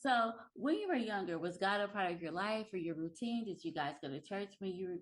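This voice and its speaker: A woman's voice: medium pitch, lively intonation, a little fast. A woman hosting a faith podcast, who talks with eager, emphatic enthusiasm. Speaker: podcast host and relationship coach. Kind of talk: upbeat podcast interviewing.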